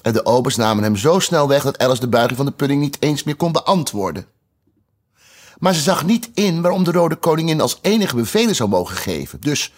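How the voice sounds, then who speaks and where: A man reading a storybook aloud with expressive narration. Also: medium pitch. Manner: lively, expressive.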